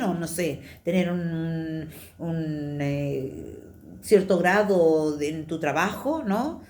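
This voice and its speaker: A woman's voice: deep voice, darkish tone, roomy sound. A woman with a Rioplatense Spanish accent giving a conversational testimony sermon in church, confiding and chatty, often checking in with her listeners. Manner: chatty, confiding, often adds tag questions.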